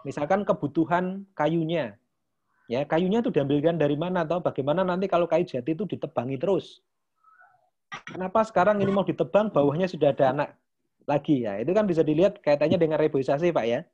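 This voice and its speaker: A man's voice: a little high, fast talker, warm tone, dull audio. A man, casually explaining teaching ideas to teachers on a video call. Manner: casual and chatty, ends phrases with Pak. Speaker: teacher trainer leading an online session.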